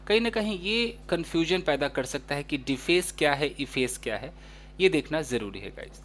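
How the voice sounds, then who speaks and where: A man with an Indian accent teaching English words to learners, explaining each one in a casual way with many examples and reading English phrases out slowly. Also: a little high, a bit bright, slight background noise.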